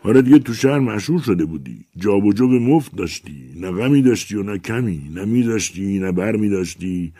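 A man reading a story aloud in a very deep voice. His tone is dark and slightly husky, and his delivery is measured and rhythmic. The recording is dry and close. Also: animated, faint music behind.

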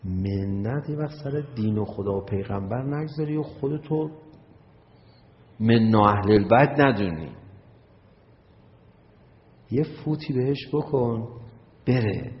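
A man's voice: medium pitch, animated, pauses often. A man preaching a sermon in a conversational way, acting out his listeners' replies and chanting some phrases. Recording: muffled recording in a reverberant hall.

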